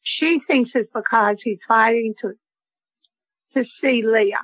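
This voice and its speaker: A woman's voice: a little high, dry recording. Hesitant woman caller on a tinny phone line. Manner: halting, hesitant, many fillers. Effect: phone-in caller heard over a phone line.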